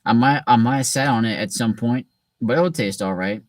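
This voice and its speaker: A man reading aloud and voicing a huge, gruff but kindly giant man in a slow, drawn-out way, recorded from a distant mic. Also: medium pitch, dry recording, close to an everyday voice. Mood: gruff, friendly. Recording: distant mic in a dry room.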